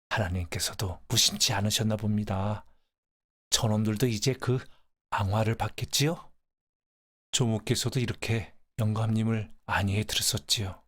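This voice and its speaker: A man reading a short story aloud as an audiobook narrator, measured and even. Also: fairly low pitch, slightly rough. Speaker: audiobook reader.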